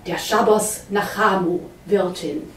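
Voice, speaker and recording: A woman's voice: mid-range voice, fairly even intonation, slow, a little hiss or hum, close to an everyday voice. A woman reading a sly wandering trickster. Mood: sly solemn. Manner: mock-solemn, wheedling storyteller. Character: sly wandering male trickster posing as heavenly messenger. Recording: roomy hall, voice from a distance.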